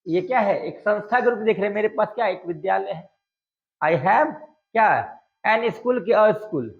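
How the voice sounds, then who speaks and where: A man's voice: high-pitched, vocal fry, lo-fi sound. A male English teacher, teaching a classroom grammar lesson and firing constant questions at his students. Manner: drawls out example sentences slowly.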